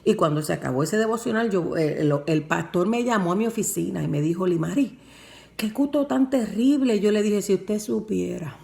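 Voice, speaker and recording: A woman's voice: medium pitch, animated, a little fast, creaky, mellow. A woman preaching a sermon and telling her own testimony, with emphatic repeated phrases and fervent delivery. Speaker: preacher and worship singer.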